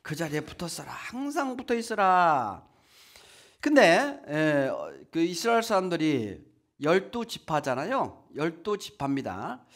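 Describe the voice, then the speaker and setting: A man's voice: a little high, measured pace. A man preaching a sermon at a church, often asking the congregation questions and acting out the people he quotes. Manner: lively, asks the congregation questions, acts out quotes. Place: church hall.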